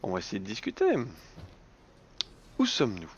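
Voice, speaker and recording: A man's voice: lowish voice, wildly swooping pitch, moderate pace, muffled recording, slight background noise. A man hosting a casual let's play, reading the game's text aloud and tossing in dry little asides. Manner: reads game text aloud with dry quips. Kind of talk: casual gameplay commentary.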